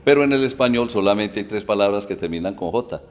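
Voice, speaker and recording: A low-voiced man explains spelling rules in a folksy, conversational way, leaning on everyday examples. His voice carries a long reverberant tail in the recording. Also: lively intonation, quick pace. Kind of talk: casual explanatory talk.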